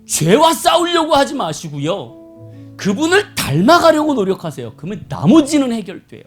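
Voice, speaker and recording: A man's voice: extremely high pitch, normal speed, faint music behind. A middle-aged male pastor preaching a live Sunday sermon in a conversational style, often putting questions to the congregation. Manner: animated, conversational, asks the congregation rhetorical questions. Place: church worship service.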